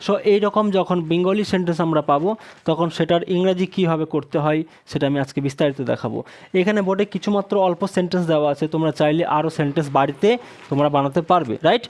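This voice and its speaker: A woman teaching a spoken English lesson at a board, spelling out sentences slowly word by word and often asking "right?" before answering her own questions. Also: low-pitched, a little mellow. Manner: asks the class questions, then answers them herself.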